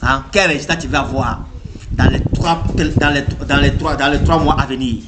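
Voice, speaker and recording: A man with an African French accent giving an animated motivational talk, repeating himself and firing rhetorical questions at the listener. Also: mid-range voice, normal speed, very noisy. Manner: animated, repetitive, rhetorical questions, acts out reactions. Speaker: motivational speaker.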